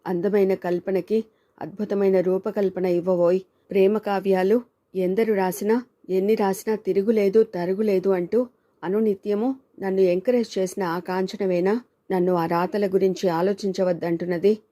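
A woman's voice: medium pitch, steady tone, moderate pace, warm tone, lightly acted. Woman reading a bitter heartbroken novelist. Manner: bitter, resigned.

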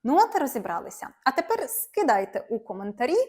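Animated woman teaching German grammar. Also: high-pitched, quick pace. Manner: lively, emphatic explaining with playful asides. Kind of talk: explaining grammar to viewers.

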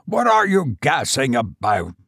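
A man voicing a gruff British soldier who snaps back dismissively. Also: medium pitch, huge pitch swings, unhurried, dry recording, studio quality, heavily acted. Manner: snapping, dismissive shouts.

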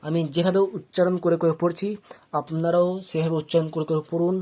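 A fast, mellow voice of medium pitch and level tone teaches Quran reading. It spells the letters out patiently, syllable by syllable, lengthening the long vowels, then goes over each step again and makes sure the learner has followed.

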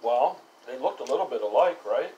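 A man's voice: mid-range voice, lively intonation, a little fast, dark tone, recorded from a distance, highs cut off, a little hiss or hum. Man mumbling through a mouthful of chicken. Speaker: husband co-hosting a mukbang. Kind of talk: casual chat while eating.

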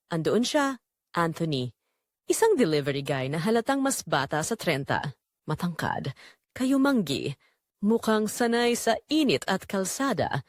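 A woman voices Rosa, a lonely, neglected forty-three-year-old wife who is wistful and conflicted, in first-person audio drama narration. Her pitch swings lively as she confides in short, dramatic phrases, sounding wistful and drawn in. The recording is dry and close.

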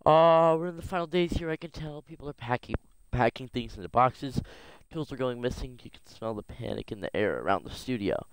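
A man's voice: medium pitch, lively intonation, a little fast, few pauses, clean tone, dry recording, lightly acted, rough recording. A man voicing a conspiratorial company engineer, reading a video game note aloud theatrically. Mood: secretive, urgent.

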